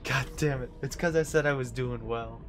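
Young American male streamer, mid-pitched, casual live chat during play, faint music behind. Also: moderate pace. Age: young adult. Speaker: game streamer. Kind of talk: casual chat while playing, replying to viewers. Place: indoor room at a desk. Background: faint game music.

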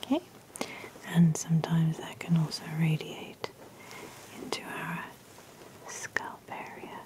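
A woman whispering gentle, reassuring instructions in a slow ASMR massage roleplay. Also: low voice, completely flat delivery, poor audio. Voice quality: whispering, soft and soothing.

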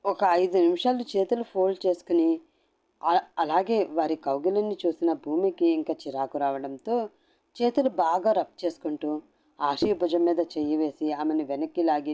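A woman narrating a serialized love story with a steady storytelling delivery. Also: on the low side.

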